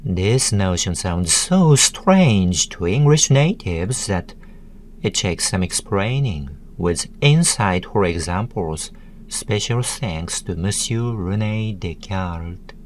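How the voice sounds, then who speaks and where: A man narrating a language tutorial in a measured, deliberate way, breaking words into syllables. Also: sits low, expressive, a little hiss or hum. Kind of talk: slow instructional narration.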